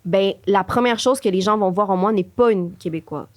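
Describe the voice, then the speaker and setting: Expressive woman with a Quebec French accent. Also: medium pitch, a little fast, no echo, clean studio sound. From Chile. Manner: expressive, frequent fillers, mixes in English. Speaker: podcast co-host. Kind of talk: casual conversation.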